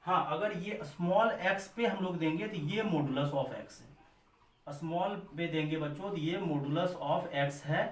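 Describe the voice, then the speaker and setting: A man's voice: on the high side, a little slow. A man with an Indian accent teaching a maths class, who repeats his points, asks and answers his own questions, and calls his students children. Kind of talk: classroom lecture. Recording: echoey room, mic far off.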